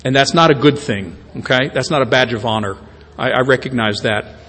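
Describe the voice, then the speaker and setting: Pastor preaching in a reverberant hall. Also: male voice, mid-range voice, brisk, fairly bright tone. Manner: conversational, stammering restarts, self-deprecating. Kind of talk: sermon.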